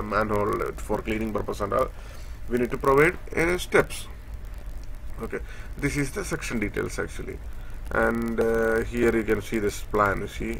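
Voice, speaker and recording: An instructor walks through a technical tutorial over screen share, pointing across a drawing and explaining each step haltingly with plenty of fillers. His voice sits on the low side with vocal fry and a fairly bright tone, over a faint hiss or hum.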